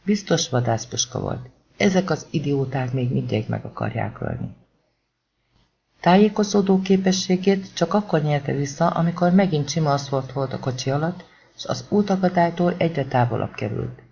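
A man narrating an audiobook in a tense, dramatic way, voicing the shouted lines of the characters himself. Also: on the high side, animated, creaky, lo-fi sound.

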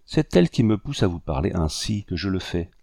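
A gentle, pleading young lady of colonial society, as a man reads her in a storybook. She speaks courteously and earnestly, her lines lifted above a low, dry reading voice. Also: very animated, brisk, vocal fry, dry recording, heavily acted.

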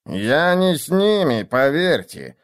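A man's voice: on the high side, big pitch swings, slow, clear, resonant tone, dry recording, studio quality, voice pushed up. A man voicing a frightened, pleading quartermaster who whines in an audiobook. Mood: pleading fearful. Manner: whining, pleading. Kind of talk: audiobook character voice.

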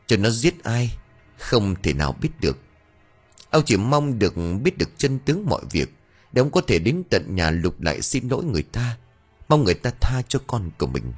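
A man narrating a scripted ghost story in a dramatic, expressive storytelling manner. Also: medium pitch, moderate pace, husky, soft background music.

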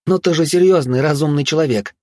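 An exasperated young woman head of students begs her friends to behave, voiced by a man reading a storybook. The voice sits higher than his own and pleads. The recording is dry and close. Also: brisk, a little mellow, dry recording, close to an everyday voice. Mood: pleading. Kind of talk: audiobook character voice.

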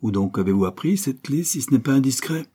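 A man's voice: mid-range voice, animated, a little fast, dark tone, husky, voice pushed up. A man reading an audiobook, voicing a jovial, brawny male editor calling out from above.

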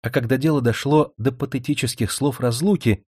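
Audiobook: male reader doing a shy, gentle young woman, quiet and hesitant, mid-pitched. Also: brisk, slightly rough, dry recording, clean studio sound, close to an everyday voice. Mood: explaining. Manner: soft, hesitant, quietly earnest. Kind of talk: audiobook character reading.

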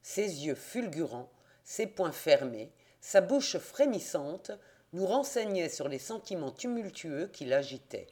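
A man narrating a classic detective novel as an audiobook, in a measured, expressive reading. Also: on the high side. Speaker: audiobook reader.

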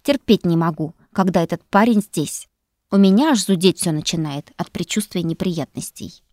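A woman's voice: on the low side, normal speed, dry recording, clean studio sound, natural voice. A woman voicing a grumpy, strict female faculty keeper who scolds and scoffs. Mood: sullen. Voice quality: scolding, sharp and sceptical. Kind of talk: audiobook character voice.

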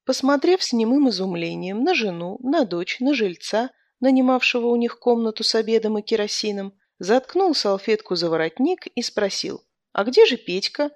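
A woman's voice: a little high, animated, normal speed, hardly any pauses, dry recording. Woman reading a humorous story. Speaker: narrator.

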